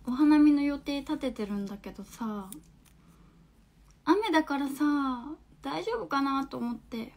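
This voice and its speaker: A high-voiced woman in her twenties with a Hakata dialect hosts a casual livestream on her phone, reading viewer comments at an unhurried pace. She's chatty, laughs often, and trails off into soft murmurs.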